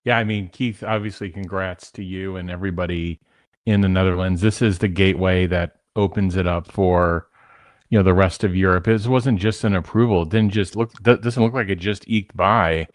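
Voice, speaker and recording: Deep-voiced man giving commentary. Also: steady tone, moderate pace, dry recording, studio quality. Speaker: guest commentator. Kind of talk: conversational analysis.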